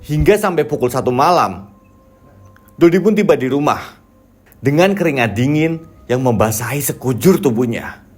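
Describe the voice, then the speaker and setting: A man narrating a scripted horror folk tale in a steady, measured manner. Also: mid-range voice.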